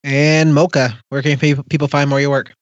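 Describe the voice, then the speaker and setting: A man's voice: on the high side, little pitch movement, brisk, dry recording, highs cut off. A man hosting a podcast in casual, chatty style. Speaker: podcast host.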